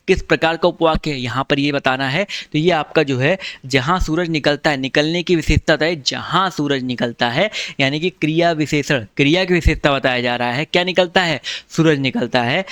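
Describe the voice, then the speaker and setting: A man's voice: a little high, fairly bright tone, clean tone, no room sound. A male teacher going through a Hindi exam test, explaining each answer step by step and checking with students as he goes. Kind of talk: online test walkthrough lesson.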